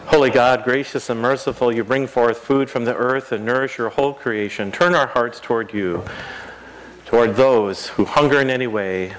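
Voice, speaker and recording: A man speaking as a pastor, leading liturgical prayer in a solemn, measured, phrase-by-phrase way. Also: mid-range voice, a little hiss or hum, poor audio. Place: live church service before a congregation.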